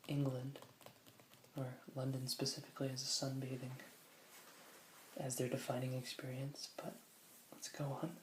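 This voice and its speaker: A person whispering softly in an ASMR style, reading aloud from a book slowly, with musing asides. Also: medium pitch, reverberant, a little hiss or hum, low-quality recording. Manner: slow, musing asides between read passages. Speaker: ASMR host.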